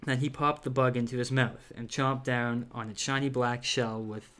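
A man's voice: mid-range voice, little pitch movement, normal speed, a bit bright. A man reading a children's horror book aloud, breaking off with laughs and casual asides. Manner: laughing asides, many fillers. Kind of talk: casual read-aloud with commentary.

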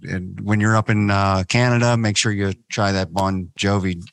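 A man from the Pittsburgh area hosts a casual interview show. His voice sits fairly low and sounds dry and close, with no room around it. He rambles pleasantly, full of uhs, and laughs easily along with his guest. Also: steady tone, normal speed, no echo. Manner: chatty, lots of fillers, laughs easily.

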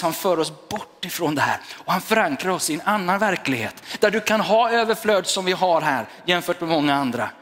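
A man's voice: on the high side, fairly bright tone. A middle-aged man preaching a sermon as a pastor, telling a personal story with a few English asides. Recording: long reverb of a church hall.

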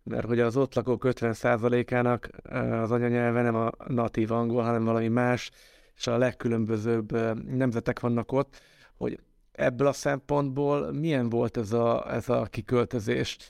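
A man's voice: medium pitch, level tone, gravelly, a little mellow, no echo, studio quality. A man hosting a casual interview, thoughtfully building long questions step by step. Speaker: podcast interviewer, host.

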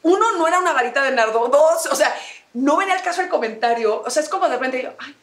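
Animated Mexican woman telling her story. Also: fast. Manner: animated, mimics others in high voices. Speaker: guest. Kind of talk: candid conversational storytelling. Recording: echoey room.

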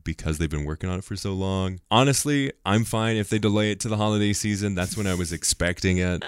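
A man co-hosting a podcast in casual chat, acting out quotes in quick asides. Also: low-pitched, clear, resonant tone, dry recording, studio quality. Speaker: podcast co-host.

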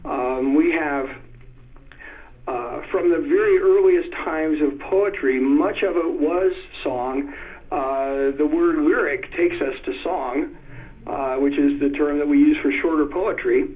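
A man speaking as a poetry expert in an interview, thoughtful and hesitant with many pauses, reciting verse slowly with stressed beats. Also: fairly high pitch. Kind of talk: conversational interview. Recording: tinny phone line.

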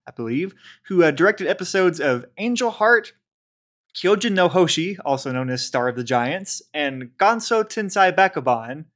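A man's voice: a little high, fairly bright tone. Man hosting a podcast, reading credits. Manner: laughs often, reads credits with small stumbles. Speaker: podcast host. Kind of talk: casual podcast chat and episode rundown.

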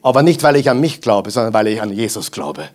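A man preaching a sermon with emphatic repetitions and mocking asides, swinging between loud and quiet. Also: on the low side, sing-song, brisk. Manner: emphatic, repeats lines for the crowd to echo.

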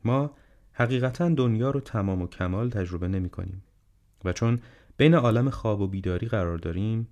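A man voicing a gentle, wise, ailing old male professor in an audiobook, speaking calmly and reflectively. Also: lowish voice, lightly acted. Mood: earnest. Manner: calm, reflective, unhurried counsel. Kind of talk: audiobook character reading.

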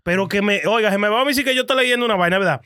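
High-pitched, bright-voiced Dominican man. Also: rapid-fire, no echo, clean studio sound. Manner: slangy, protesting, with some English words mixed in. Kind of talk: casual banter among friends.

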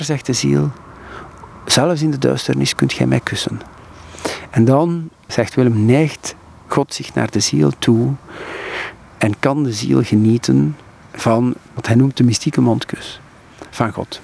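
A man's voice: mid-range voice, vocal fry, darkish tone, slight background noise. A Flemish man in his thirties, a scholar explaining at length in an interview, earnest and searching for words. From Belgium. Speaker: scholar of mysticism, interview guest.

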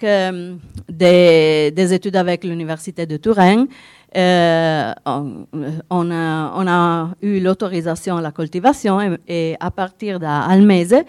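A woman from a winegrowers' association gives a conference talk in non-native French, halting as she searches for words, with an Italian accent. Her lowish, darkish voice is smooth, recorded in a clean studio with no echo.

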